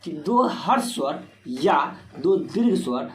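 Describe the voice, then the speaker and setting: A man with a fairly high voice and big pitch swings takes it slowly while explaining Hindi grammar for board exams. He asks himself question after question and leans on "ठीक है" as filler at each step. The recording has echo and faint noise.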